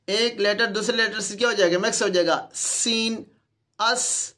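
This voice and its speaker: Bright-voiced Urdu-speaking male tutor. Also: high-pitched. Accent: Pakistani Urdu. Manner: patient, repeats sounds slowly for demonstration. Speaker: Quran teacher. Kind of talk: teaching letter pronunciation to teachers.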